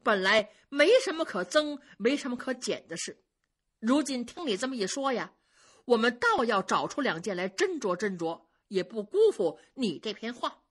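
A woman storyteller voicing genteel young noble ladies who speak in a gently teasing, approving way. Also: on the high side, very animated, normal speed, husky, heavily acted. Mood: amused.

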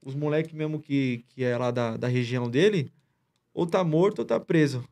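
A man's voice: medium pitch, normal speed, gravelly, a little mellow. A man as a podcast guest, retelling a story in a rambling, slangy way with many restarts. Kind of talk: casual storytelling chat.

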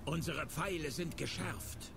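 An actor playing an eager, contemptuous dark elf marksman in a video game, proud and declamatory. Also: fairly high pitch, a little slow, creaky, over music. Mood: proud, bloodthirsty.

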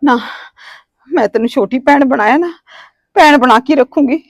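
A woman plays a desperate village wife cast out by her in-laws, weeping as she begs for a roof and two meals a day. Her voice sits high and tearful. The recording is close and dry. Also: normal speed, dry recording. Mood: earnest pleading. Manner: pleading, tearful. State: crying. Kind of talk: amateur short-film acting.

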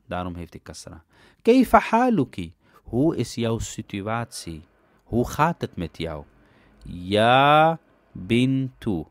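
Slow, animated man teaching Arabic grammar. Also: lowish voice, dry recording, clean studio sound. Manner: explains step by step, asks "ja?" to check understanding. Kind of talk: recorded language lesson.

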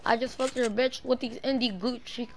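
A woman in casual gaming chat with a friend, excitable, loud and quick to swear. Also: a little high, a little hiss or hum.

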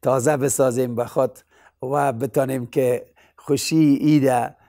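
A man opening a religious lecture calmly and formally. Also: mid-range voice, no room sound, clean studio sound. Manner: calm, formal, pious address. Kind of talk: sermon-like talk.

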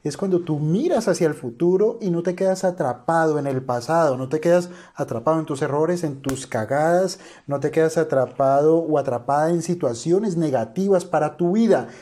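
Mellow-voiced investor man giving motivational commentary. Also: fairly high pitch, normal speed, few pauses. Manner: earnest, motivational, addresses viewers directly. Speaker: investor reacting to a video. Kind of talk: reaction video commentary.

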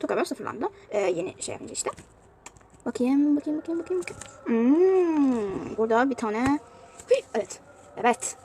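A woman's voice: fairly high pitch, big pitch swings, measured pace, mellow, slight background noise. A woman giving casual commentary on a mobile game she is playing, chatty and prone to exasperated outbursts. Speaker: youtuber showing a mobile game.

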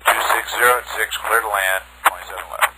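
Deep-voiced male pilot on crackly radio. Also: fairly even intonation, fast. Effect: aviation radio transmission. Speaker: airline pilot. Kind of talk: clipped radio readbacks. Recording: very noisy cockpit radio, static, clicks.

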